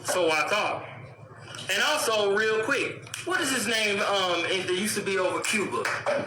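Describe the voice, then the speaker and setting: High-voiced man preaching over a news clip. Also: animated, normal speed, bright, forceful tone, reverberant, a little hiss or hum, low-quality recording. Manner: emphatic, preachy rhetorical questions. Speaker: commentator reacting to a news report. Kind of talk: casual religious commentary.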